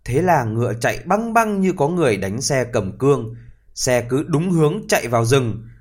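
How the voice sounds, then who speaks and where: A man narrating a fairy tale for listeners in a lively, expressive reading voice. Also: mid-range voice, moderate pace, slightly rough. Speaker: storyteller.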